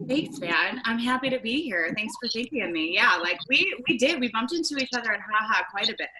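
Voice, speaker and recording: A woman's voice: a little high, animated, fairly quick. A woman guesting on a comedy podcast over a video call, joking in a self-mocking way. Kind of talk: casual chat. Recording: noisy video call line.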